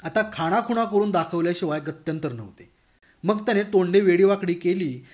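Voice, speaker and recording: Male storyteller, high voice, lively reading of a comic tale. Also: normal speed.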